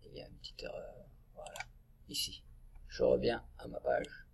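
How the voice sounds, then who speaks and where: A man teaching a reading lesson to young children, sounding out syllables slowly and clearly. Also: mid-range voice, completely flat delivery, a little hiss or hum.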